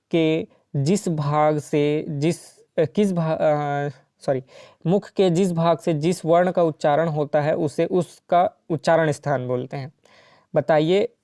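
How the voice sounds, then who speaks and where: A man tutoring for an exam, his voice mellow and smooth, recorded dry and close. He works through each question step by step and checks in often with the listener. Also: on the high side, no echo. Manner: explains step by step with frequent "ठीक है" and "है ना". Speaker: teacher solving exam questions. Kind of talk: exam-prep lesson.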